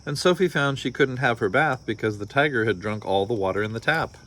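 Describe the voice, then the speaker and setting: A man's voice: medium pitch, lively intonation, fairly quick, fairly bright tone. An American man reading a children's story aloud, breaking off for wry, casual asides. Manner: wry, joking commentary. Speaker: storybook reader.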